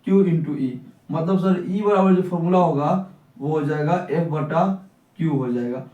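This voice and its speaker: A man's voice: fairly high pitch, measured pace, dark tone, lo-fi sound. A young man teaching a physics class, who keeps asking questions and answering them himself. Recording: echoey room, mic at a distance.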